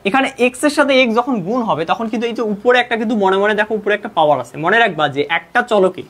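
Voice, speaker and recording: A young male math tutor with a Bangladeshi Bengali accent teaches an online lesson, going step by step and answering his own questions. His high, fairly bright voice is rapid-fire, and he mixes English math terms into his Bengali.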